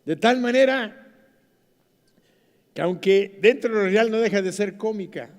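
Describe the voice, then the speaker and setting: A man with a Mexican accent preaching a sermon as pastor, dramatic, swinging from soft to loud. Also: sits high, unhurried. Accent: Mexican Spanish. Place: church. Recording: church hall reverb.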